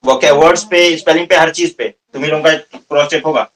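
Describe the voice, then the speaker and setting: A man's voice: on the high side, fairly even intonation, fast talker, a bit bright. Hindi-accented man drilling a classroom. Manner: drills students, asks and repeats questions. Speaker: English teacher. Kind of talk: classroom lecture. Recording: recorded from a distance.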